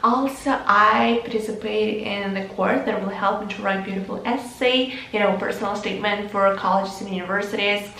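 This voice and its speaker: A woman's voice: mid-range voice, steady tone, moderate pace, hardly any pauses, bright, forceful tone, slight background noise. Young Ukrainian woman in an echoey room. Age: young adult. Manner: earnest, with frequent fillers and restarts. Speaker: vlogger. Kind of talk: casual vlog narration. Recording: echoey room with faint music.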